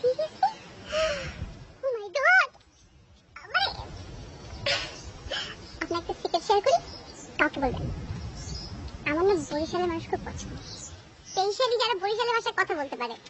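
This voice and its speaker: Young woman, gushing, excitable, very high, lively pitch. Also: quick pace, pauses often, noisy background. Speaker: comedic skit actor. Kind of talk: comic skit. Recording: loud background music.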